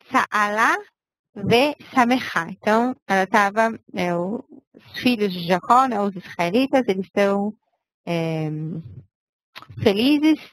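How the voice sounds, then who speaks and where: A woman's voice: mid-range voice, a bit bright, dry recording, rough recording. A woman teaching a language lesson, patiently explaining step by step and checking in with her students. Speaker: Hebrew teacher.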